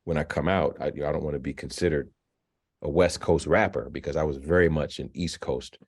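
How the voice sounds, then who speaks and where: A man in his fifties, interviewed about his career, talking in a halting way with frequent restarts and repeated words. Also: rumbling low, fairly even intonation, breathy edge. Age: 50s. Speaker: filmmaker and novelist, alumnus guest. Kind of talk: interview, conversational. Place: virtual interview.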